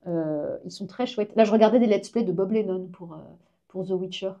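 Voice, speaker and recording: A woman's voice: medium pitch, brisk, dark tone, dull audio. A woman, a comic artist and science journalist, chatting casually and enthusiastically as a guest on a live stream.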